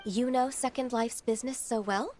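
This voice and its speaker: An actress playing a calm, dutiful young woman official, speaking politely and in a measured, composed way in game voice acting. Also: a little high, soft background music, natural voice.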